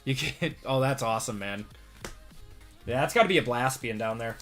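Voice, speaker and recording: Over soft background music, a man's mid-range voice moves at a normal speed as he chats with stream viewers while opening cards. He's a sports card break host in his thirties from Wisconsin, Midwestern in accent, relaxed as he reads cards aloud and responds to chat.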